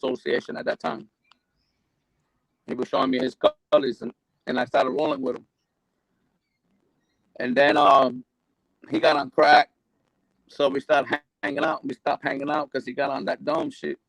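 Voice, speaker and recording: Guest: New man, heavy vocal fry, dry close sound, rambling and profane. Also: very high voice, expressive, moderate pace, long pauses, a bit bright, no room sound, low-quality recording. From New York. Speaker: interview guest. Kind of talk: candid life story.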